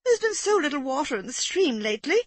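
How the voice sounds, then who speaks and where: A woman reading aloud, voicing an excitable upper-class lady in shrill, breathless exclamations. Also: quick pace, no echo. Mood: anxious objecting.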